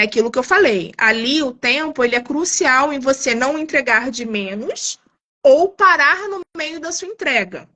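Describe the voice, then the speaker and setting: A woman's voice: high-pitched, pushed and bright. A woman guest on a live stream, explaining an exam in a chatty way, often tagging her sentences with little questions. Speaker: guest, TOEIC course creator.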